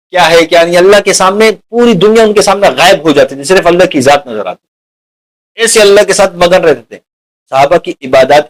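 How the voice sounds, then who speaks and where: A man's voice: sits high, fairly bright tone, low-quality recording. A man preaching a sermon to an audience, asking them rhetorical questions and calling them dear companions. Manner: addresses listeners as dear companions.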